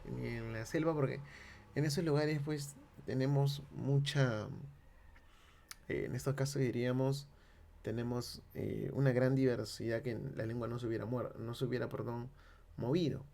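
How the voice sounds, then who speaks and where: A man's voice: mid-range voice, vocal fry, darkish tone, slight background noise. A male teacher from Peru giving a lecture, posing students' questions to himself and answering them, thinking aloud with frequent fillers and restarts. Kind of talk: lecture video.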